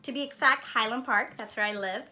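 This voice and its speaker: This woman's voice is on the high side, fairly quick, and sharp in tone. A spiritual vlogger and card reader originally from Honduras and now in Los Angeles, she gives her viewers an earnest, reflective, casual talk and frequently asks "right?"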